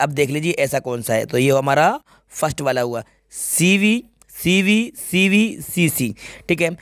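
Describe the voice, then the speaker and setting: A man's voice: on the high side, smooth, dry recording, clean studio sound. A man teaching English grammar, walking through an exam paper step by step and often checking that students follow. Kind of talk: exam paper walkthrough lesson.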